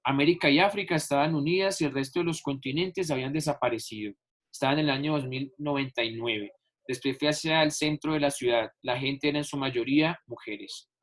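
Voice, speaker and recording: A male teacher explaining a lesson over a video call, patiently stretching out key words and repeating examples. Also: fairly high pitch. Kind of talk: online class explanation.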